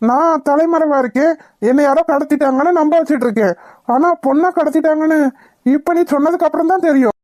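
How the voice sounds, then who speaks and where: A worried cartoon young man, pleading and defensive, with a high voice, as a woman voices him. His tone is warm and mellow, recorded close and dry. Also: quick pace, dry recording, natural voice. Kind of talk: Tamil cartoon voice acting.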